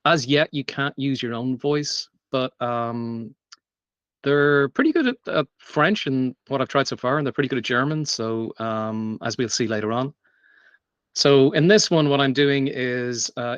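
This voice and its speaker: A man's voice: mid-range voice, no echo. Filler-heavy male tech presenter, dull audio. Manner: loose, filler-heavy delivery with frequent ums and restarts. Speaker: meetup presenter. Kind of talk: technical presentation, unscripted. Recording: dull lo-fi sound.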